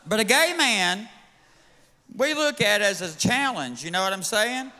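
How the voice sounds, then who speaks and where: Southern-accented male comic, brassy bright tone, smooth voice, bawdy live club delivery, echoey bar room. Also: high-pitched, expressive, moderate pace. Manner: brash, bawdy, drawling. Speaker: stand-up comedian. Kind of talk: live stand-up set. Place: bar stage at a live event.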